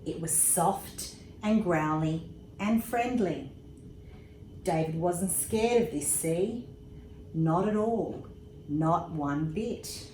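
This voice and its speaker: A woman who is an emergency services commissioner reads a bedtime story aloud to young children, slow and unhurried. She is expressive, adding little asides about the pictures, and her fairly low voice carries noticeable room echo over faint background noise.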